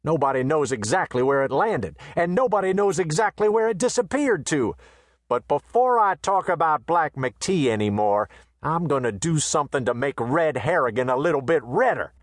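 A man puts on a brash, boastful western saloon owner with a rough folksy drawl. The voice sits high and loud, full of swaggering threats. The recording is dry and close. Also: animated, moderate pace, dry recording. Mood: blustering.

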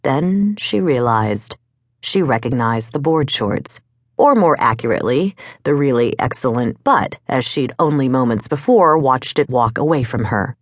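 A woman reading a romance novel aloud as an audiobook narrator, in a measured, wry storytelling voice. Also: extremely low pitch, dry recording, studio quality. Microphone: studio microphone.

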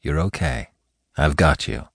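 A male narrator voicing a big, steady firefighter who talks calmly and firmly to reassure someone. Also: medium pitch, moderate pace, dry recording, studio quality. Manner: calm, firm, reassuring.

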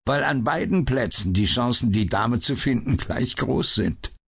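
A man's voice: mid-range voice, unhurried, creaky, fairly bright tone, slightly rough, pitched above the performer's own voice, full character voice. A man reading an audiobook, voicing the ironic, cool detective Sherlock Holmes with a raised, mocking tone. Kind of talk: audiobook character voice.

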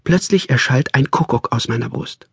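A man narrating a novel in a calm, measured storytelling manner, close on a studio mic. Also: medium pitch, husky, no echo. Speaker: audiobook narrator. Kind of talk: scripted narration.

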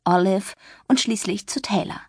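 A woman reading a novel aloud as audiobook narrator, lively and expressive, recorded close in a dry booth. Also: normal speed, husky, dry recording. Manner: lively, voices the friends with light pitch shifts. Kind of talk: scripted narration. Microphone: close studio mic.

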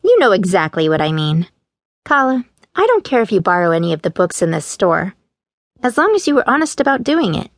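A woman's voice: mid-range voice, sing-song, brisk, no room sound. A woman voicing a dry, stern older woman who runs a bookshop, in an audiobook. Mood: scolding. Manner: dry, scolding.

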